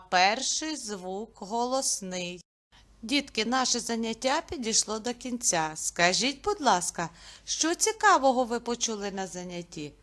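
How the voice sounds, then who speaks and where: Woman teacher doing a kids' reading lesson, real slow and careful, bright clear voice, reads little riddles. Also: fairly high pitch. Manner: slow, deliberate, reciting riddles to children. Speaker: preschool teacher. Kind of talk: literacy lesson for small children.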